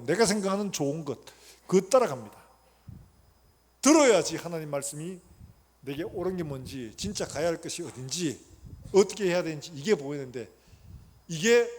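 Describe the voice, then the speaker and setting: A man preaching a sermon as pastor, emphatic and asking the congregation questions that he then answers himself. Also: fairly high pitch. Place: church sanctuary. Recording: long church hall reverb, faint noise.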